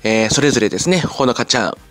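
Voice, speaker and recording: Middle-aged male vlogger, polite and chatty, animated pitch, dry close mic. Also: fast, no echo, faint music behind. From Japan, Oita. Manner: chatty, polite with many fillers and asides. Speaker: vlogger reporting on idol concerts. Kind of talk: casual concert report vlog.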